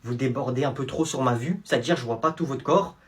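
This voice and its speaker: A performer voicing an insolent teenage schoolboy who talks back in street slang with a husky, low mumble in a comedy sketch. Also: fairly quick, lightly acted.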